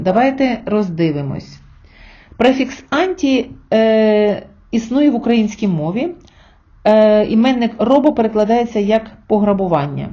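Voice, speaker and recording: A woman with a mellow, warm tone teaches a language lesson to her viewers. She goes patiently through sounds and example words. The sound is a little dull and lo-fi. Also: a little high. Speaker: Spanish teacher.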